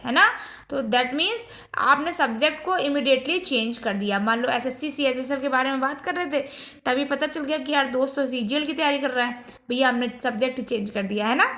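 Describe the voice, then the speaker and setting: A woman, recording an exam-prep lesson. She explains patiently, repeats key words and reads English sentences slowly. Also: high-pitched, pushed and bright.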